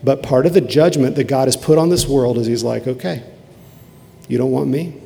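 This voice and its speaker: A man preaching a sermon, with emphatic rises and quiet, low asides. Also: normal speed, creaky, slight background noise. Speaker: pastor. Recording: long hall reverb.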